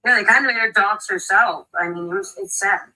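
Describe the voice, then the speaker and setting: A woman's voice: mid-range voice, a little fast, bright, forceful tone, low-quality recording. A woman in casual chat, speaking earnestly and sympathetically.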